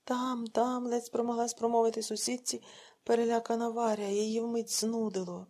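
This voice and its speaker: A woman reading an audiobook in a measured, somber storytelling manner. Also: fairly high pitch, flat delivery, mellow. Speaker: audiobook narrator. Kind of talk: scripted audiobook narration.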